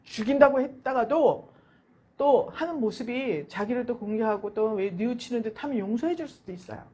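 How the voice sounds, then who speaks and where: A woman pastor giving a Sunday sermon, telling the story with animated, questioning delivery. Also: a little high, normal speed, husky. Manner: animated storytelling preaching, asks rhetorical questions.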